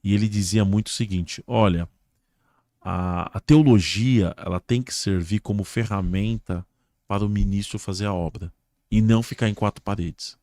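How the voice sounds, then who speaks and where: A man's voice: fairly low pitch, moderate pace, dark tone, dry recording, studio quality. A man with a Brazilian Portuguese accent, a pastor and guest on a casual religious podcast, who tells stories and acts out the dialogue in a raised voice.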